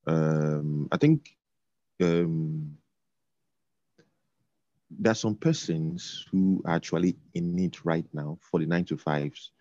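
A man talking in a relaxed conversation, halting and repeating himself with many fillers. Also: low voice, no room sound. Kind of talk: casual conversation. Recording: dull lo-fi sound.

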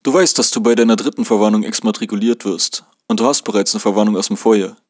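A strict middle-aged dormitory guard barking orders, as a man reads her part. She speaks in a commanding, no-nonsense way. The voice sits fairly low and the recording is dry and close. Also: fairly even intonation, quick pace, no echo, natural voice. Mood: dismissive.

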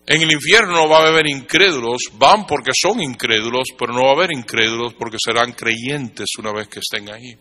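Impassioned bright-voiced male preacher. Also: medium pitch, fairly quick, hardly any pauses. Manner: impassioned, shifting from hushed to shouting. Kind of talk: sermon. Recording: mains hum behind.

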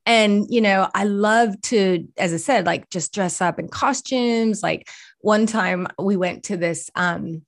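American woman, podcast guest, chatty storyteller, "you know" fillers, medium pitch. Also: slow. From Boston area, United States. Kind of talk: casual storytelling chat.

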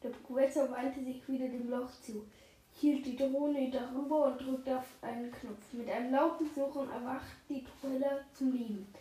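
High-voiced woman reading a children's book. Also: steady tone, moderate pace, mellow, echoey room, poor audio. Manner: unscripted slips and restarts. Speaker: reader.

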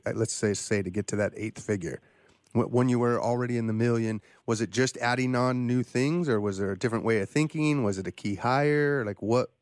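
A man's voice: medium pitch, no echo, studio quality. A man hosting an interview, talking in a loose, chatty way with joking asides. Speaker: podcast host, interviewer. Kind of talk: casual interview talk.

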